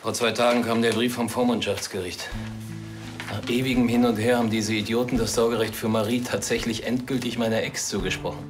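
A man's voice: medium pitch, little pitch movement, fairly quick, music in the background, lightly acted. A man playing a protective father under questioning, defensive, terse and aggrieved.

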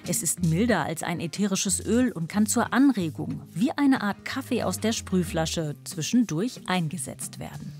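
A woman reading scripted narration for a TV report in an even, factual manner. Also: on the low side, normal speed, few pauses, soft background music.

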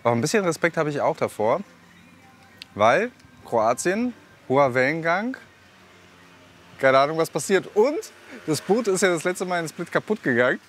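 A man talking casually on camera outdoors, chatting and asking questions in an excited way. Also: on the high side, normal speed, pauses often, faint music behind. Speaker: vlogger interviewing locals.

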